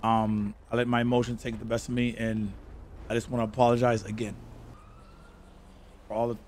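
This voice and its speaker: A drunk man streams improvised role-play on a studio microphone. He speaks earnestly and haltingly, searching for each phrase, with some noise behind him. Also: medium pitch, flat delivery, a little mellow. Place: indoor streaming room. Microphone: boom-arm studio microphone.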